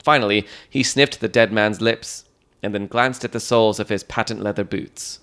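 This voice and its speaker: A man giving scripted, dramatic audiobook narration of a Victorian mystery in a measured, descriptive storytelling manner. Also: fairly low pitch, steady tone, fairly bright tone.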